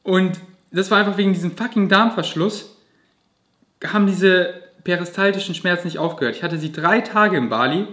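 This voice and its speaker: A man's voice: high voice, normal speed, sharp tone. A man vlogging, telling a personal story to camera in a vivid, emotional way with casual swearing. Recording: roomy echo.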